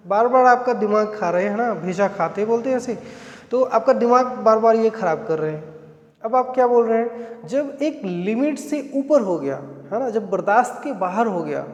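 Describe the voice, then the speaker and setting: A man's voice: sits high, a little mellow, dull audio. A man with an Indian accent teaching spoken English, explaining each phrase and repeating it with frequent tag questions. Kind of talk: spoken English lesson in Hindi. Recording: echoey room with long reverb.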